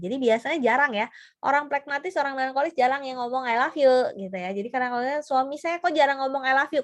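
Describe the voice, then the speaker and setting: Chatty woman teaching personality types. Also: sits high. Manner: chatty, many fillers and tag questions. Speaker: trainer. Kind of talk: seminar talk on personality types.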